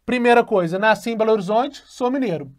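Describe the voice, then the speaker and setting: A male math teacher with a high voice patiently explains a logic lesson. He often checks in with a quick question and slowly repeats key phrases.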